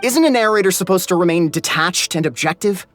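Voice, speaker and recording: For a video game, a man voices a smug, theatrical, sarcastic clansman with a grandiose, mocking delivery. His high, bright voice is expressive and a little fast, with soft background music underneath.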